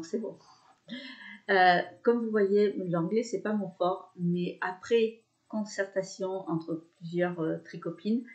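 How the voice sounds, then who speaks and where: A woman in her thirties hosting a knitting podcast in a casual, chatty way, hesitating often with fillers and restarts. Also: mid-range voice. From France. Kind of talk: casual chat.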